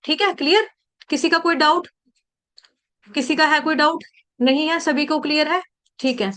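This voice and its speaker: A woman's voice: high voice, fairly bright tone. A woman, teaching a class to recite verses, breaking words into syllables and quizzing her students. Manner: slow syllable-by-syllable drilling with quick asides to students.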